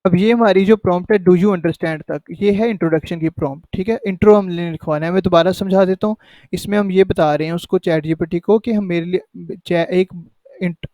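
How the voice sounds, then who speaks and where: Male tutor, high and mellow, dry close sound, chatty walkthrough. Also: no echo. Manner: conversational, repeats "ठीक है" to check in. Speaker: tutorial host. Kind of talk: casual screen-recorded tutorial.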